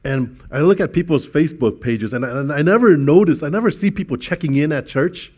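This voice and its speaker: A man's voice: a little high, expressive, a little fast, darkish tone, lo-fi sound. A man preaching a sermon as pastor, telling personal stories in a conversational way with frequent restarts.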